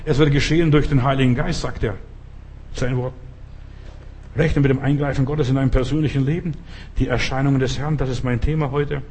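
A man's voice: medium pitch, a little mellow, breathy edge. A male pastor preaching a sermon in an emphatic way, often asking the listener directly.

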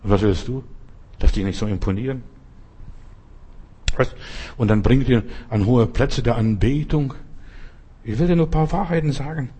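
A man's voice: mid-range voice, normal speed, long pauses, dark tone, slightly rough. A man preaching a sermon, emphatic and speaking directly to the listener. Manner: emphatic, talks straight to the listener.

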